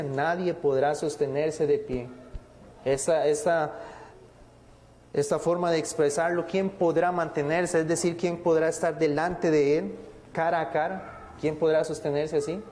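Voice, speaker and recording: A man preaching a sermon in a church, speaking deliberately, asking rhetorical questions and slowing down to read scripture aloud. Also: a little high, dark tone, big-room sound, slight background noise.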